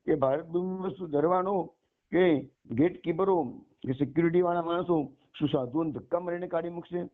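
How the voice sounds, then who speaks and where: A calm holy man meets a furious woman with quiet, sweet-toned mockery, voiced by a male storyteller. He never rises in anger. The sound is thin and phone-like. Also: fairly high pitch, fairly quick, pitched above the performer's own voice, close to an everyday voice. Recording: tinny phone-like line.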